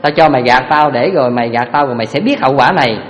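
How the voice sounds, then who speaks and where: Brief: man voicing a spiteful thief, low and gruff, in a reverberant hall. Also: very fast, lo-fi sound, lightly acted. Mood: sneering. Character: two scheming thieves, grown men, greedy and spiteful.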